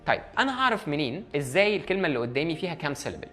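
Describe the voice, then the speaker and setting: Quick, lively Egyptian Arabic teacher. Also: medium pitch, faint music behind. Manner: explains step by step, mixing in English terms. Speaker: English teacher. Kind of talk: online language lesson.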